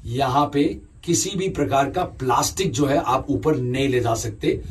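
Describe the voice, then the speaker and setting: A man's voice: medium pitch, unhurried, recorded from a distance. A man in his thirties co-hosting a travel vlog from a cable car, with dry wit and lots of facts to share. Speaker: travel show co-host. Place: inside a cable car high up.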